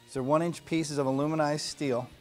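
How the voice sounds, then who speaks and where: A welding instructor in his forties runs a lesson in an indoor workshop garage studio, demonstrating each step in a plain, practical way. He speaks a little fast with a slightly high voice and fairly even intonation, over soft background music.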